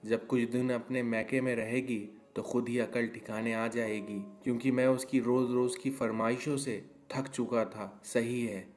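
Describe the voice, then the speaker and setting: A man's voice: medium pitch, level tone, measured pace, few pauses, a little mellow, a little hiss or hum, close to an everyday voice. A man voicing a stubborn young newlywed husband in a cartoon story, grumbling and exasperated. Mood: irritated.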